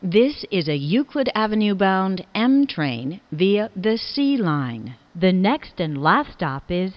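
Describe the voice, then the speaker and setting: A woman's voice: medium pitch, sing-song, takes it slowly, no echo. A woman reading scripted automated train announcements as a transit announcer, in dull lo-fi audio.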